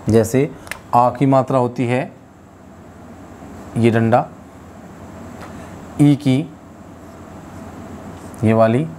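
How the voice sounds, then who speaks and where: Man teaching a slow, repetitive class. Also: mid-range voice, a little mellow, slight background noise. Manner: explains step by step, repeats key terms, stops to correct himself. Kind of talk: classroom lesson.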